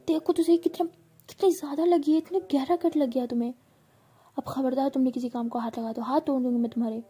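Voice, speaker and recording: A woman's voice: high voice, pitched above the performer's own voice, lightly acted. A woman voicing a scolding young college girl. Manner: scolds loudly and rapidly, exasperated.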